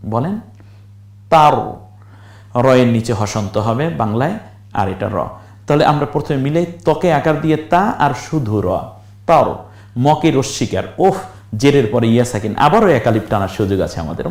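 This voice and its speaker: A man's voice: medium pitch, very animated, darkish tone, roomy sound. A man teaching how to read aloud, spelling words out syllable by syllable and asking viewers questions. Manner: slow syllable-by-syllable drilling, asks viewers questions. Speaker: Quran reading teacher. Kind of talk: recorded lesson, spelling and chanting words.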